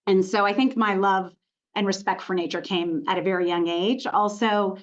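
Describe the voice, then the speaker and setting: A woman's voice: mid-range voice, fairly even intonation, moderate pace. A woman from Montreal, Canada speaks as a podcast guest, recounting her career in an easy storytelling way full of "you know" fillers. Her audio sounds somewhat dull and lo-fi. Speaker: corporate communications executive, guest. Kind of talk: podcast interview.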